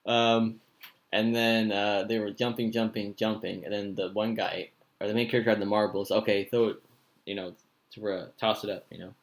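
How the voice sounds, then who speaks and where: A man with a fairly low voice hosts a casual podcast and rambles through a show recap. He stops and restarts often, fills gaps with ums, and jumps up into excited reactions as he goes. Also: moderate pace. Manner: rambling, full of fillers and restarts; excitable, acts out his own reactions. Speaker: podcast host.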